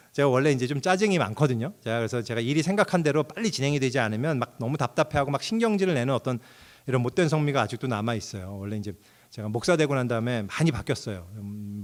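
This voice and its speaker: Man, middle-aged, pastor, sermon, expressive storytelling, medium pitch. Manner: expressive storytelling, acts out inner thoughts with sudden loud outbursts.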